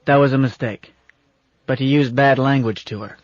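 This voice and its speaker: A man reading an audiobook voices a gruff, bossy old captain who speaks in a folksy but fond way. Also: medium pitch, fairly even intonation, moderate pace, no echo, close to an everyday voice. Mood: stern, folksy. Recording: dull lo-fi audiobook recording.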